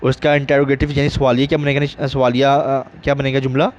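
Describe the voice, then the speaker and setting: Slow, explaining male teacher. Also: medium pitch, little pitch movement, muffled recording, a little hiss or hum. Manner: explains step by step, reads English sentences slowly. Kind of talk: recorded classroom lesson.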